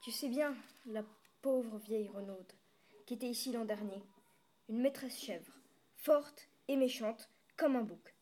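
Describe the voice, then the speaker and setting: A woman's voice: fairly high pitch, unhurried, dark tone. A woman reading a storybook aloud, voicing a worried old male goat farmer who pleads and scolds in exasperation. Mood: fretful.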